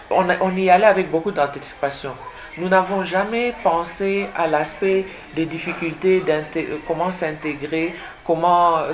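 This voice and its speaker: Speaking at a fairly low pitch, a woman born in Congo answers radio interview questions as a guest author; French is her first language. She sounds hesitant, filling her answers with fillers and repeated words.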